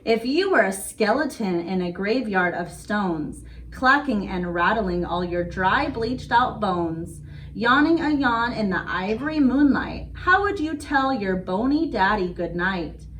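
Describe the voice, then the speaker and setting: A woman hosts story time and crafts for young children, reading a picture book aloud and demonstrating a craft in a simple, sing-song way. Her voice is medium-pitched, animated, unhurried and fairly bright. The recording is noisy, captured by a distant microphone.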